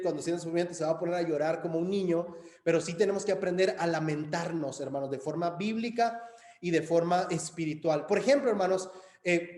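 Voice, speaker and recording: A man's voice: on the high side, a little mellow, echoey room. A man preaching a sermon in a conversational way, often asking "right?" and addressing the congregation as brothers. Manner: conversational, frequent "¿verdad?" and "hermanos", many hesitations.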